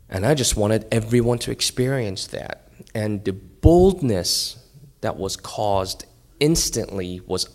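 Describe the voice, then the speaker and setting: A middle-aged man from Iran sharing his faith testimony at a church men's breakfast, earnest and acting out scenes in loud bursts. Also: sits low. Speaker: guest speaker at a men's breakfast. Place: church gathering.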